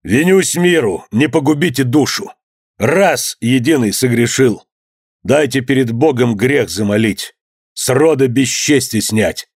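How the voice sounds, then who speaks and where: A man's voice: medium pitch, measured pace, breathy edge, no room sound, clean studio sound. A man voicing a desperate merchant accused of murder, crying out to a crowd. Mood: repentant. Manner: shouting, frantic.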